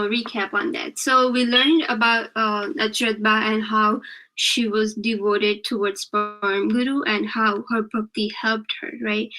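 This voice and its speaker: Woman teaching kids over a video call, talks slow and patient, kinda high and bright, keeps asking "right?". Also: rough recording. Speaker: religious class teacher. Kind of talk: online children's lesson.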